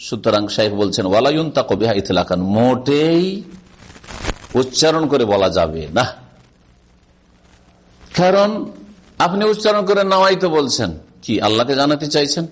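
Scholar asking rhetorical questions. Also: male voice, medium pitch, very animated, normal speed, long pauses. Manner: explains with rhetorical questions, quoting Arabic texts. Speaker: Islamic scholar teaching hadith. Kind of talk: religious lecture.

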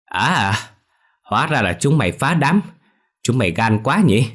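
A man's voice: mid-range voice, big pitch swings, normal speed, pitched above the performer's own voice. A man voicing an angry old village woman who scolds a group of children. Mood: accusing. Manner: shouting, accusing.

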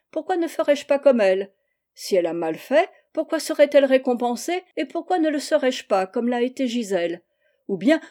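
A woman's voice: on the high side, warm tone, lightly acted. A woman reading aloud as an outspoken older aunt who lectures firmly and emphatically.

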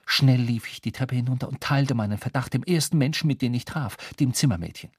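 An actor playing a young sailor who narrates his own story in measured, scripted radio drama narration. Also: mid-range voice, husky, no room sound, studio quality, close to an everyday voice.

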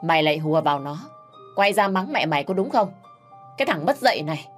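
A woman's voice: fairly low pitch, animated, normal speed, faint music behind, lightly acted. A woman voicing a nagging, bitter middle-aged mother-in-law who scolds and accuses. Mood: shrill outrage.

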